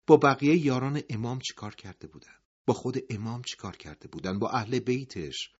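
A man narrating a dramatic story, dropping to hushed tones at the end of sentences. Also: medium pitch, slightly rough. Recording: dull lo-fi recording.

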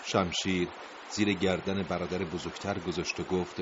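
A man's voice: low-pitched, flat delivery, noisy background. A man narrating a dramatic story in a grave, emotive voice, in a dull lo-fi recording.

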